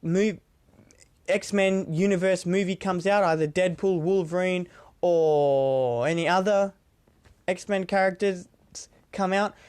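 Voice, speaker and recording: Rambling, high-voiced young man. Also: takes it slowly, darkish tone, smooth, dry recording. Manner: rambling and profane, full of fillers and restarts. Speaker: movie reviewer. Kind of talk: casual spoken movie review.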